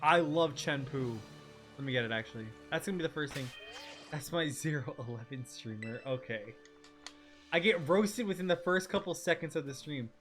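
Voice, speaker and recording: Casting: male game streamer, higher-pitched voice, excitable casual chat full of slang and repeated phrases, music underneath. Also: moderate pace.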